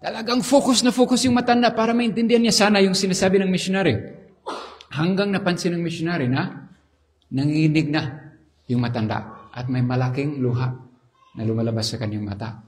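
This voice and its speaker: Animated male preacher telling a story. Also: on the high side, brisk, pauses often. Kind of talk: sermon storytelling.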